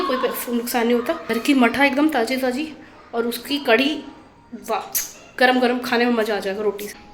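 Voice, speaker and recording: Young woman, high voice, hoarse, rambling casual vlog, phone mic, loud traffic behind. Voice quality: hoarse, throat sore from a cold. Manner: chatty, rambling, self-mocking. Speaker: vlogger.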